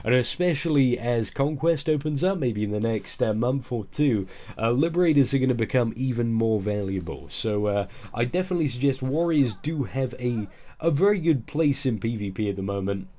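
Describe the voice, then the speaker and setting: A man's voice: medium pitch, animated, normal speed, mellow. A man who sounds ill and a little groggy, giving casual, explanatory commentary on a video game. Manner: explanatory, informal. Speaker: gaming video creator.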